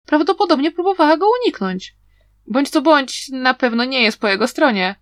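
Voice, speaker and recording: A woman reading an audiobook, voicing a clever, playful young man who talks in a teasing, lively way. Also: high voice, moderate pace, no room sound, clean studio sound, pitched above the performer's own voice.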